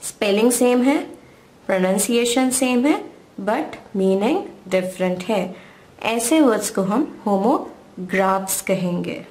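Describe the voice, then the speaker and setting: A woman's voice: mid-range voice, lively intonation, slow, darkish tone. An Indian woman teaching English grammar, patiently explaining and spelling out words letter by letter. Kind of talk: slow explanatory lesson in Hindi-English mix.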